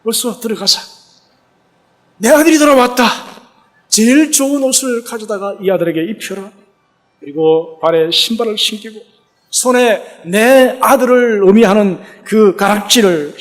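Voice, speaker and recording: A man's voice: sits high, moderate pace, voice pushed up, natural voice. A man voicing a forgiving old father who joyfully calls out commands to his servants. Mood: overjoyed.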